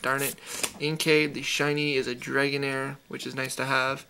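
Male YouTuber, upbeat pack-opening commentary, bright tense tone, light background hiss. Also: medium pitch, gravelly. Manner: rapid-fire listing of card names, enthusiastic. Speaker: YouTuber opening trading card packs. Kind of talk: casual card-opening commentary.

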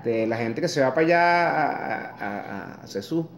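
A man's voice: medium pitch, lively intonation, normal speed, vocal fry, slight background noise. A man from Venezuela giving a blunt, exasperated opinion monologue, stumbling over many restarts.

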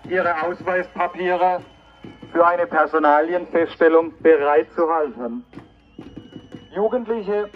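A man reading out a formal police announcement through a megaphone, in slow, clipped official phrases. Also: sits high, lo-fi sound. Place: outdoors at a street demonstration.

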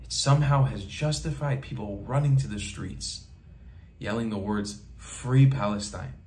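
Slightly slow and a little mellow, this young man's fairly low voice comes through with a bit of background noise. A travel vlogger, he delivers an emphatic, impassioned monologue straight to camera in a small bedroom, repeating phrases for effect and using his hands as he talks.

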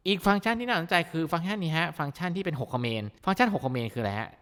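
A man teaching vocal mixing in a casual, excitable way, breaking into amazed exclamations as he demonstrates a plugin. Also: on the high side, rapid-fire, in a large hall. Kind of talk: plugin tutorial explanation.

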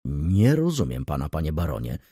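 A man's voice: extremely low pitch, wildly swooping pitch, normal speed, dark tone, breathy edge, dry recording, studio quality, voice pushed down, heavily acted. A man doing a weary, curt merchant. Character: weary, brooding middle-aged merchant, curt.

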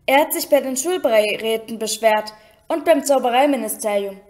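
A woman's voice: a little high, moderate pace, darkish tone, close to an everyday voice. A woman reading aloud and voicing a smug, sneering boy wizard with a mocking drawl. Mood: smug whining.

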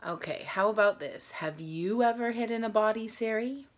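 This tired thirtysomething woman talks casually to camera while hosting a challenge video from a small room at home. She speaks at a moderate pace in a voice on the high side.

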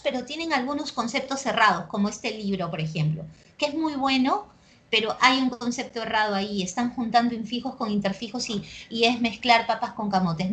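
A Peruvian woman with a Peruvian Spanish accent teaches a lively pre-university language class, constantly checking understanding with quick tag questions. Her voice is on the high side, and the recorded lecture has a slight hiss or hum.

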